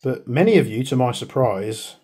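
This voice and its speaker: This UK airsoft video maker has a mid-range, mellow, husky voice with lively intonation and a moderate pace. He chats his way through a hands-on product review in a rambling, self-deprecating manner, poking fun at his own waffling.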